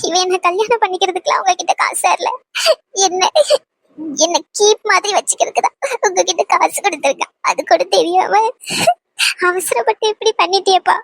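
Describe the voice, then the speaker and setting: A very high, squeaky young cartoon bride, voiced by a woman, tearful and pleading. The voice sits far above a normal adult's pitch. It is recorded close and dry, with no room sound. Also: fairly quick, a bit bright, dry recording. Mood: sobbing. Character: young bride, sweet, later desperate. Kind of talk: cartoon voice acting.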